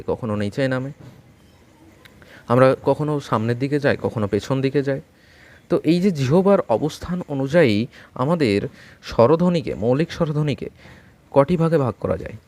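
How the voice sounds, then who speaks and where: A man's voice: mid-range voice, a little mellow. Patient male Bengali teacher drilling vowels. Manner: slow, patient, repeating sounds for learners to copy. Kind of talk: online phonetics lesson. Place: home during a storm.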